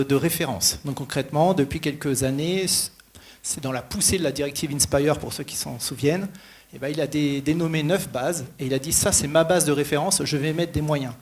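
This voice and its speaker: A man giving a conference presentation in a quick, informal way, often correcting himself. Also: a little high. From New Caledonia.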